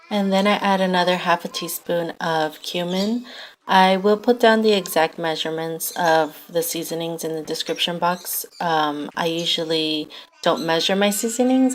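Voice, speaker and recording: A young woman giving an informal, conversational recipe voice-over as a home cook. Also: lowish voice. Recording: faint background noise.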